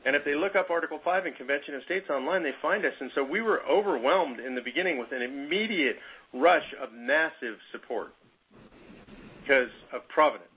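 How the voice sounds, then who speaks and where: Man, husky voice, forceful tone, conversational storytelling, emphatic. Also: fairly high pitch, lively intonation, a little fast, rough recording. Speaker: movement leader speaking on a conference call. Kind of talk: storytelling anecdote.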